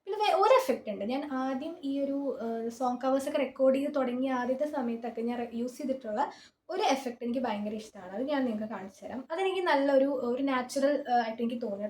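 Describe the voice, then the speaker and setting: A woman explains how she records song covers in a relaxed, chatty way, often pointing things out as she goes. Her voice is high and she talks quickly. The sound carries the ring of a small closed room. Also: roomy sound, a little hiss or hum. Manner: chatty and informal, often saying "see" while showing things. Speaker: singer giving an app tutorial. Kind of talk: casual screen-recorded tutorial.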